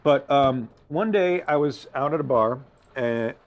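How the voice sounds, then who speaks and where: A man's voice: mid-range voice, unhurried, dull audio. Guy cohosting a beer show, tells a bar story, does everyone's voices. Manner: animated storyteller who acts out voices of others. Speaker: brewmaster co-host. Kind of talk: casual chat, telling a bar story.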